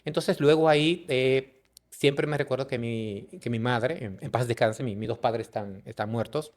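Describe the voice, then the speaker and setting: A man with a Dominican accent, a guest telling his life story in an interview, halting with frequent restarts. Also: mid-range voice. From Dominican Republic. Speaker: guest, business consultant. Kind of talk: conversational storytelling.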